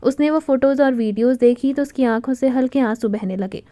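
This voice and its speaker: A woman with a high, mellow voice narrates a romantic story expressively. The recording is dry and close, with no room sound. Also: brisk, no echo. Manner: expressive, dramatic reading.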